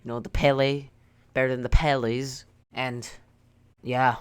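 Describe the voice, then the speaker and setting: Teen boy rambling, smooth dry voice. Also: mid-range voice, level tone, a little slow, no room sound. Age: teens. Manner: sarcastic, rambling with crude jokes. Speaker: YouTuber. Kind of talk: casual storytelling vlog.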